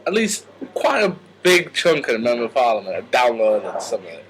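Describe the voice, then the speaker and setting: A man co-hosting a casual podcast, blunt and skeptical, often trailing off quietly at the ends of his sentences. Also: medium pitch, big pitch swings, fairly quick. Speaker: podcast co-host. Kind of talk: casual chat. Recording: noisy amateur podcast recording.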